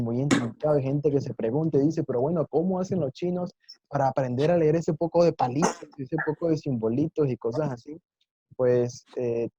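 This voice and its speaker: A man's voice: mid-range voice, warm tone, no echo, dull audio. A man teaching an online Mandarin lesson in Spanish, patiently explaining and demonstrating tones with exaggerated intonation and encouraging his students.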